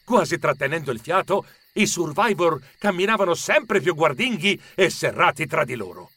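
A man reads a children's adventure story aloud with expressive storytelling. His voice is a little high and moves a lot. The recording is close and dry. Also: normal speed, slightly rough, no room sound. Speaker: narrator. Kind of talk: scripted narration of a children's story.

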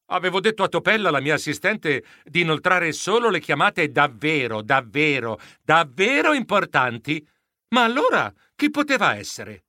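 A high, bright, lively male voice narrating a children's audiobook as a flustered mouse editor, as a man tells it. His delivery is animated and comic, swinging up and down, and it is recorded dry and close in a studio. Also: moderate pace, no room sound. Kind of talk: expressive first-person storybook narration.

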